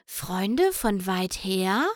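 A woman voicing a timid young female pony who stammers in a soft, trembling voice. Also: a little high, sing-song, takes it slowly, no echo, clean studio sound. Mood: shy.

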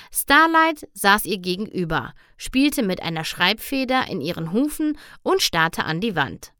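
Expressive woman reading a storybook. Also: mid-range voice, clear, resonant tone, no echo, studio quality. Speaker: audiobook narrator. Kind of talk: scripted narration.

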